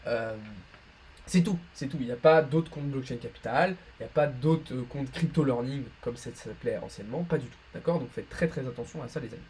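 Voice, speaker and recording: A man's voice: mid-range voice, brisk, darkish tone, slight background noise, low-quality recording. A man hosting a live market analysis stream, chatty and full of fillers and restarts, answering chat questions between chart talk, with a French accent.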